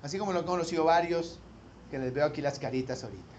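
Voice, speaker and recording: Male pastor, high tenor, emphatic sermon delivery, faint noise floor. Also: fast, lo-fi sound. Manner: animated preaching, rising to loud emphatic peaks, asks the congregation questions.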